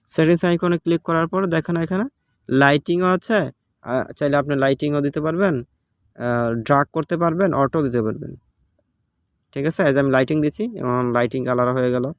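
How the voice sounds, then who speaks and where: Casual Bangladeshi-accented male tutorial host, patient and repetitive, fairly high pitch, dry sound. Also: normal speed, long pauses, no echo. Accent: Bangladeshi Bengali. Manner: patient, repetitive step-by-step explaining with many fillers. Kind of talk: casual screen-recorded app tutorial. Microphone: phone recording.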